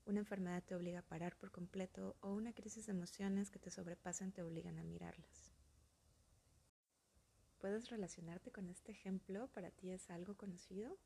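Female podcast host, gentle and slow, half-whispered delivery, mellow and a bit raspy. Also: medium pitch. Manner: soft, slow, often breathy and whispery. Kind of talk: calm reflective podcast monologue.

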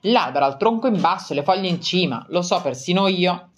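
A young storybook giraffe teases in a high, raised voice, as a woman reading aloud puts it on. The pitch swings widely as it mocks. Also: animated, brisk, lightly acted. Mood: teasing. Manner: teasing. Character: young giraffe, giggly and mocking.

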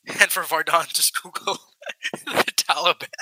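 A man's voice: fairly high pitch, fairly even intonation, moderate pace, sharp tone, dry recording, low-quality recording. A young man joking around with friends in a casual chat, teasing them and laughing often.

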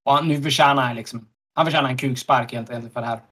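A man in casual conversation, recapping scenes in a relaxed, unhurried way. He laughs often and pauses on fillers as he thinks. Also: medium pitch. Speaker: podcast co-host.

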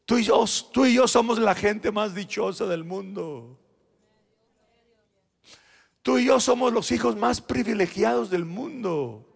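A man preaching a sermon as pastor in a church, turning from shouted exhortation to quiet, personal words to his flock. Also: high-pitched, a little slow, gravelly, long pauses. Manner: swings between shouted exhortation and quiet, intimate asides; addresses the congregation directly and personally. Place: church sanctuary.

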